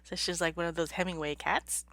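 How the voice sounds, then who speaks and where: A woman's voice: fairly low pitch, fairly even intonation, brisk, sharp tone, no echo. A middle-aged woman co-hosting a casual podcast from her home, a little stuffy-nosed, easygoing and giggly. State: stuffy nose. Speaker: podcast co-host. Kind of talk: casual chat.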